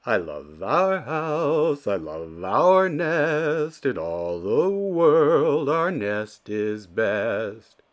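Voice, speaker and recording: Man voicing an eager, expressive storybook husband bird, slow-talking. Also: medium pitch, voice pushed up. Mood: joyful singing.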